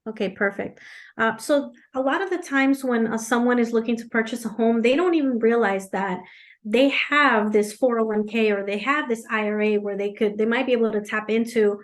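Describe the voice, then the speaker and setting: A woman's voice: on the high side, normal speed. A woman from Ecuador, a financial advisor, giving a chatty, earnest seminar talk over a video call.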